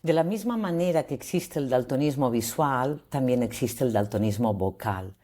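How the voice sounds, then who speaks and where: A woman, a voice coach explaining ideas in an interview, expressive and acting out example phrases. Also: rumbling low, normal speed.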